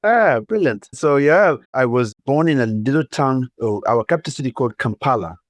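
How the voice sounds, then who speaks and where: Uganda-accented guy, chatty and cheeky, mid pitch, dry sound. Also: animated, moderate pace, no room sound. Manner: playful, laughing often, expansive storyteller. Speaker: guest. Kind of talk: podcast interview.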